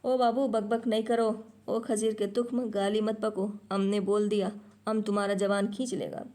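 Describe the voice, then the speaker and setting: A woman voicing a gruff male Pathan traveller who talks in blunt, broken sentences. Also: medium pitch, level tone, moderate pace, mellow, lightly acted. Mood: angry.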